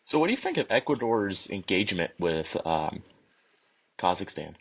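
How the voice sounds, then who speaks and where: Low gravelly guy doing a fake-serious interviewer bit in a comedy sketch. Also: very animated, moderate pace, fairly bright tone, slight background noise. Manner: mock-serious, agreeable interviewer. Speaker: comedy show co-host playing interviewer.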